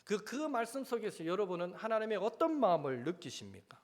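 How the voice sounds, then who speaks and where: A male pastor with a Gyeongsang accent delivers a sermon in a high, lively voice. His pitch swings widely as he questions the congregation and drifts into homely asides. A long reverb from the sanctuary trails every phrase. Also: fairly quick. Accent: Gyeongsang Korean.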